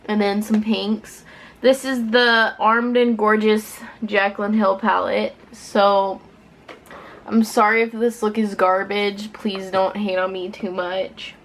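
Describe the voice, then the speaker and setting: A woman's voice: medium pitch, level tone, takes it slowly. A drunk woman chatting casually through a makeup tutorial for viewers, giggly and rambling, playful and self-deprecating with some swearing. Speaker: beauty vlogger presenting a makeup tutorial.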